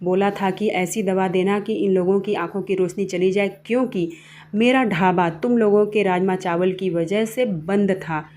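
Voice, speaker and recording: Mellow-voiced woman telling a moral story. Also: medium pitch, steady tone, moderate pace. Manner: plain, simple retelling. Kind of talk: casual storytelling narration.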